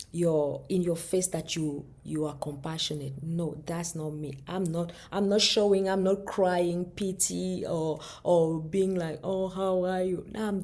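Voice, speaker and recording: A woman with a low, warm, mellow voice gives a reflective personal talk. Her tone is husky and a little breathy. She speaks earnestly, restarts her phrases often and sometimes drops to a soft near-whisper. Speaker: relationship vlogger.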